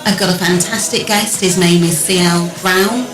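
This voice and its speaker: A woman's voice: on the low side, fairly even intonation, moderate pace, over music. A woman hosting a radio interview, effusive and gushing with thanks, often using filler phrases. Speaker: radio host. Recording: echoey room with faint noise.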